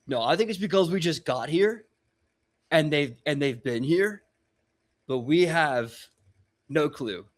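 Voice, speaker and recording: A man's voice: fairly high pitch, lively intonation, unhurried, long pauses. A man narrating as game master of a tabletop game, laid-back and full of fillers.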